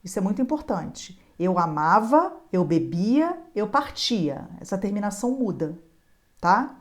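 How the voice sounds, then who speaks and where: A woman teaching a grammar lesson, chanting conjugations in slow drills and speaking straight to the viewer. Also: medium pitch, very animated. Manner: addresses the viewer directly, repeating key points. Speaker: Portuguese teacher.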